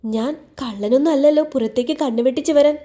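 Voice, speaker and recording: A woman voicing a gentle young bride who speaks softly and pleadingly. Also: high voice, fast, pitched above the performer's own voice, close to an everyday voice. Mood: timid. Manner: soft, pleading.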